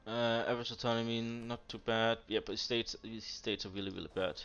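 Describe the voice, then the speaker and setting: A man's voice: medium pitch, steady tone, fairly quick, a bit bright. A man giving casual, blunt commentary on a player's strategy game nation, exasperated and full of fillers. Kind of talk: casual commentary over gameplay. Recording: dull lo-fi mic with keyboard typing behind.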